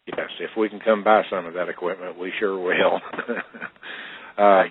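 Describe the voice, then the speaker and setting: A man's voice: deep voice, steady tone, moderate pace, husky. Man on a crackly phone line. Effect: crackly phone line with static. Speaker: call-in guest. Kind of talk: phone-in storytelling.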